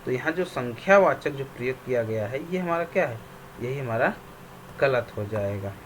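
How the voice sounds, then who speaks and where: A man teaching a Hindi grammar lesson for exam prep. He repeats example sentences slowly and asks and answers his own questions. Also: medium pitch, lively intonation, a little hiss or hum, rough recording.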